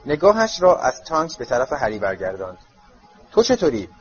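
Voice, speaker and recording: A man narrating a storybook in an expressive, storytelling way. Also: medium pitch. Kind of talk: audiobook reading. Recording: slightly muffled audiobook with faint music.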